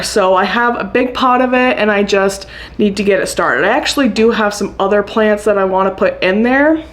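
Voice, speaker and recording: A woman's voice: mid-range voice, fairly bright tone. A young woman vlogging casually about her houseplant chores, chatty and upbeat, laughing often. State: hiccuping. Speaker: plant vlogger. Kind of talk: casual chat to camera.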